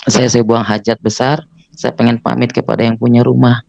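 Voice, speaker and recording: A man's voice: medium pitch, flat delivery, fairly quick, vocal fry, darkish tone, dry recording, muffled recording. A man giving an earnest spoken testimony, telling his story and acting out the dialogue himself. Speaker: former preacher giving testimony.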